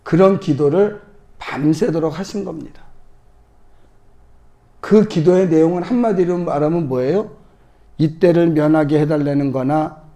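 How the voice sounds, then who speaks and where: A middle-aged male pastor delivering a sermon, acting out quoted prayers in a hushed, pleading voice. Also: fairly high pitch.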